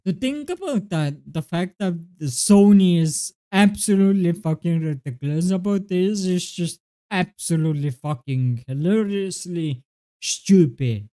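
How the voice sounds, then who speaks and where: A young man with an Estonian accent ranting to his webcam, exasperated and swearing, with halting restarts. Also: high-pitched, expressive, mellow. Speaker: gaming video creator. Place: small indoor room at a desk. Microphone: webcam close up.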